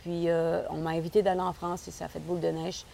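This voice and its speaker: A Québécois woman with a low voice and a gravelly, creaky edge. She is a singer guest who chats easily, laughs often and restarts her sentences as she tells her story. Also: level tone, fast, dark tone, slight background noise. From Côte-Nord, Quebec. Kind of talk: casual interview.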